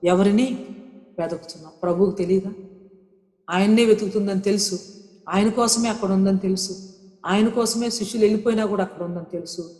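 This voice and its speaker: A woman's voice: mid-range voice, steady tone, a little fast, pauses often, mellow. A woman delivers a sermon with earnest conviction, circling back to the same phrases and mixing in English words. Her voice rings through a roomy hall with a long reverb tail. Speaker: preacher.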